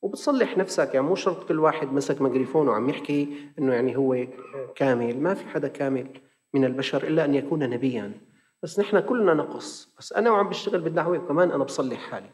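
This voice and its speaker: Man, Levantine Arabic accent, preacher, brisk animated storytelling, long echo of a big hall. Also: a little high. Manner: animated storyteller acting out dialogue. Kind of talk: sermon lesson with storytelling.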